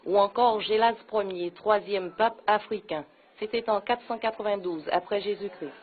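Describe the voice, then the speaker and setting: A woman reading a scripted news report in a measured, even way. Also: mid-range voice, a little hiss or hum. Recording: narrow phone-like audio.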